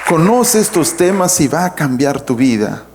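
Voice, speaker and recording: Very animated and fairly high-pitched, yet darkish in tone, a man with a Peruvian Spanish accent preaches at normal speed. A faint crowd and a little hiss or hum sit under his emphatic sermon, in which this pastor teaches and calls out to the room with a swinging voice.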